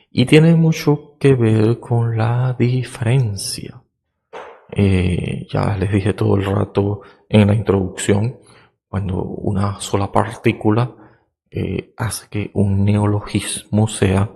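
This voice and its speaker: A man hosting a podcast talks through a philosophical idea like a patient teacher. He pauses on fillers and keeps checking that listeners follow. His voice sits fairly low and comes out gravelly. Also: mellow. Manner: slow, thoughtful, with many fillers and rhetorical checks; explaining like a teacher. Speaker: podcast host. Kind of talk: reflective philosophical monologue.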